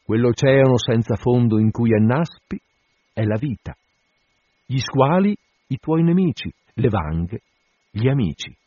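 A male radio host reading a novel aloud with theatrical expression, then chatting to listeners in relaxed asides. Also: mid-range voice, a little slow, pauses often, no echo. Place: radio studio. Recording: dull dry radio broadcast.

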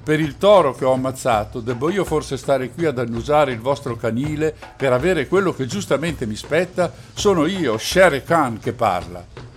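Shere Khan, a man doing a loud snarling tiger. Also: mid-range voice, lively intonation, normal speed, a little hiss or hum, lightly acted. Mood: boastful menace. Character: fierce lame male tiger, boastful bully.

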